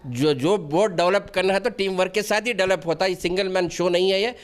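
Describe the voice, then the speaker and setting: Brief: middle-aged man, high voice, earnest and defensive, restarts his lines. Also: brisk. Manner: earnest, repeats himself, restarts often; defensive and pleading. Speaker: wakf board member being interviewed. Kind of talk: news interview answers.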